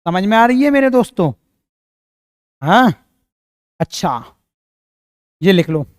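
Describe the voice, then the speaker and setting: Man, young, physics teacher, high voice, chatty lecture style, smooth tone, talks right to students. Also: big pitch swings, takes it slowly, no room sound, studio quality. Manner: chatty, jokey, addresses students directly. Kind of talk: casual classroom lecture.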